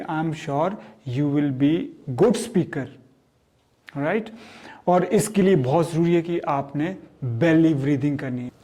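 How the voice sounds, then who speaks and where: A man teaching communication skills, speaking slowly and deliberately, asking questions and then answering them himself. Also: a little high, mellow. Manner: slow, deliberate teaching delivery, drawing out and repeating key words; mixes English terms into Hindi explanations. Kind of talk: spoken lesson on communication skills.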